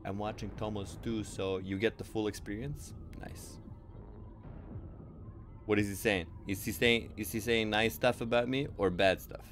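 A man streaming a game live, chatting casually and playfully, thinking out loud and humming nonsense syllables while he plays. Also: on the low side, steady tone, measured pace, faint music behind. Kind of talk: casual live gameplay chat.

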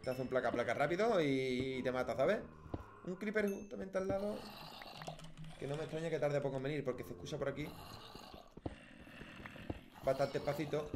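A man's voice: expressive, normal speed, long pauses, background noise. A man from Spain giving casual Let's Play commentary, chatting to himself and his viewers and yelping when things go wrong. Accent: Spanish from Spain. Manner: chatty, talks to himself and viewers, bursts into high yelps at deaths. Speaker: gaming YouTuber.

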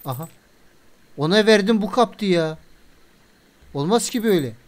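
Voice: mid-range voice, expressive, normal speed. A game video creator giving casual let's-play commentary in a playful way, chatting to viewers and scolding the game characters.

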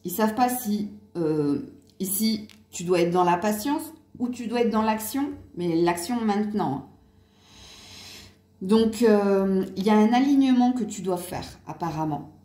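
A woman's voice: medium pitch, a little slow, warm tone, roomy sound. A woman doing a casual angel card reading, chatty with many fillers and small laughs. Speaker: card reader.

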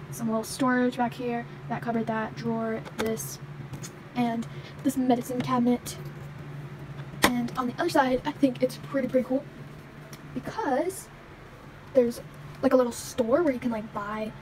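A young woman chatting casually as she shows off the pieces of a toy vet clinic playset, with lots of fillers like "like" and "um". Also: on the high side. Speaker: toy unboxing vlogger. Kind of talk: casual unboxing show-and-tell. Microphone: handheld phone camera, speaker off screen. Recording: audible background noise.

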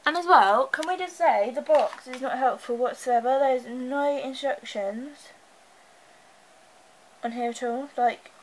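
A young woman, congested from a cold, chats anxiously to a handheld camera held close in her bedroom. Her high-pitched voice runs a little slow, and the low-quality recording carries a bit of hiss or hum.

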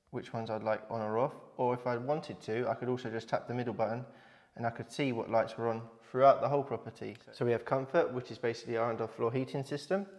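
His mid-range voice has a darkish tone as the thirtysomething smart home installer explains his company's work. The delivery is matter-of-fact and instructional, much like a tradesman leading a walkthrough.

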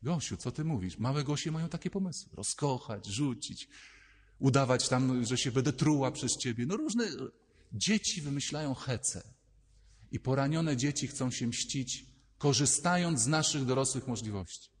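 A man, a priest, giving a lively, conversational sermon and acting out little inner voices as he speaks. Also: mid-range voice, moderate pace, husky, big-room sound.

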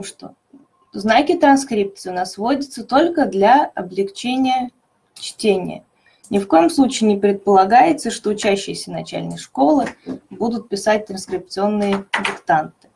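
Woman, breathy voice, webinar presenter, explanatory, stresses key words. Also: medium pitch, mellow. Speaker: publisher's teaching methodologist presenting a webinar.

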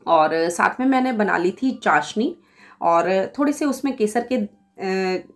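A woman's voice: medium pitch, animated, measured pace, soft background music. A woman in her forties from India, explaining a home recipe step by step in a chatty voice-over with small fillers. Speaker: cooking vlogger.

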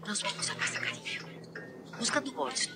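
A woman's voice: very high voice, normal speed, heavy background noise. A woman with a Latin American Spanish accent dubbing a desperate, fiercely protective young mother in a TV drama, speaking with impassioned pleading. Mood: tender, soothing. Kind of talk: dubbed TV drama. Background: loud dramatic score.

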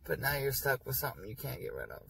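A man's voice: medium pitch, very animated, fast, vocal fry, distant mic, crowd noise. A young man in his twenties giving short, plain replies in a parked car at night, recorded by a dashboard camera. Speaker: sister's brother and guest. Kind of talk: casual chat. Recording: voice a little off-mic in car.

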